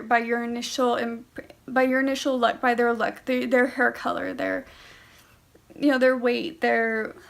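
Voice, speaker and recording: A woman's voice: a little high, creaky. A young woman recording a heartfelt birthday video message to her grandmother, hesitant and full of fillers, turning tearful. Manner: hesitant, many fillers and restarts.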